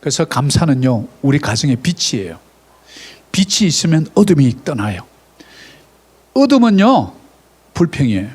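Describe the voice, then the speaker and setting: A middle-aged male pastor preaching a sermon at a church service, animated, with rising exclamations and direct prompts to the congregation. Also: medium pitch, a little fast, breathy edge.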